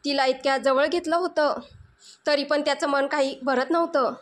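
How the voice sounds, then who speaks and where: A woman narrating a romantic story in an emotional, expressive way. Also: sits high, moderate pace.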